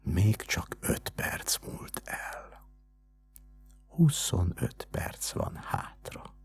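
A man narrating a story in a measured, hushed way, as scripted narration. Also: sits low, wildly swooping pitch, creaky, breathy edge, in a whisper.

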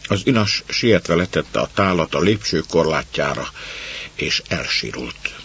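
A man reading a story aloud in calm, measured narration, on a dull lo-fi recording. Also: deep voice, breathy edge.

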